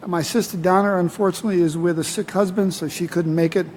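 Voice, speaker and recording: An older man from the United States with a notably high voice delivers a prepared acceptance speech from a podium. His delivery is measured, with a dry, self-deprecating wit. His voice carries a long hall reverb over a faint hiss. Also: steady tone, a little mellow. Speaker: honoree giving acceptance speech. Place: large ceremony hall.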